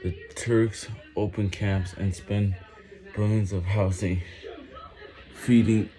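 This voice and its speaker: Slow, halting man reading during push-ups. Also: low voice, flat delivery, dark tone. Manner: halting reading while doing push-ups, in short strained phrases. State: physically exerting himself. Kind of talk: reading a text aloud while exercising.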